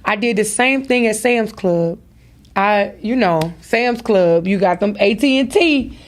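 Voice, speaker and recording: A woman's voice: mid-range voice, measured pace. Emphatic woman giving a pep talk. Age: adult with daughters. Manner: emphatic, repeats phrases for stress; speaks to listeners directly, preacher-like. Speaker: podcast host. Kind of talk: motivational talk.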